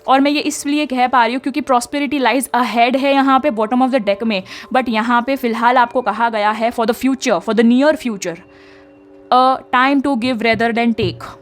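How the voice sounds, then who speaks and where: A woman's voice: on the high side, fairly even intonation, takes it slowly. A young woman, giving chatty spiritual guidance as a tarot reader and often checking in with her listeners. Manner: chatty, mixes English into talk, frequent tag questions.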